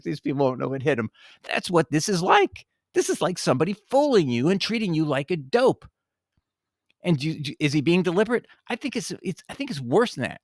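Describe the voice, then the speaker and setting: A man's voice: fairly high pitch, no room sound, clean studio sound. A man reading scripture aloud and commenting on it in a passionate, indignant way, often restarting his words. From Italian heritage. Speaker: bible commentator.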